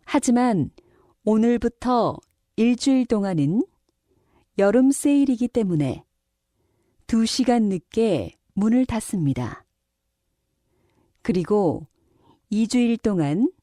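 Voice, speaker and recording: A woman's voice: a little high, warm tone, dry recording, studio quality. A woman reading scripted public announcements for a language listening test in a polite, formal, carefully enunciated way.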